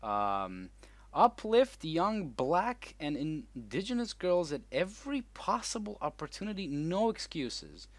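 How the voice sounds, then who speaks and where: A man's voice: high-pitched, very animated, a little slow, no echo. A young man co-hosting a casual podcast chat, talking bluntly and crudely with lots of swearing and false starts. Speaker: co-host.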